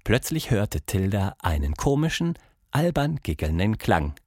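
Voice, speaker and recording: A man reading a children's storybook aloud, with expressive, unhurried narration on a close studio mic. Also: on the low side, dry recording. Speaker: storybook reader.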